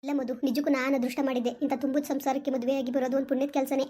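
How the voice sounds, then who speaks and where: A woman's voice: high-pitched, flat delivery, rapid-fire, mellow. A woman talking with her husband in a casual family chat, earnest and reassuring. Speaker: wife in a family vlog. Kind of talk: casual heartfelt family talk.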